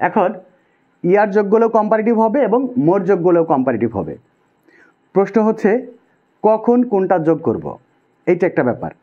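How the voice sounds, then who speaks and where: Male grammar tutor, Bangladeshi Bengali accent, slightly high voice, patient and repetitive, muffled lo-fi recording. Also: sing-song. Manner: patient, repeats key rules slowly. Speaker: English grammar teacher. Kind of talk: explanatory lesson. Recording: dull lo-fi sound.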